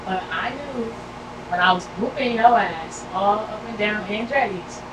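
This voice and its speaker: A woman's voice: medium pitch, a little slow. A young woman in a small wooden cabin, chatting playfully and teasing her girlfriend. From Atlanta area. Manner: playful, teasing, relaxed drawl. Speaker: girlfriend giving a promise ring. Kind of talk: casual vlog chat. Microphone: camera mic from across the room. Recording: roomy, distant, noisy cabin recording.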